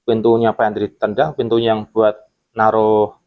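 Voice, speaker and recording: Heard with phone-quality sound, a man with a lowish voice speaks at normal speed. He used to work security and now tells a ghost story on a laid-back podcast, animatedly imitating his coworkers' words.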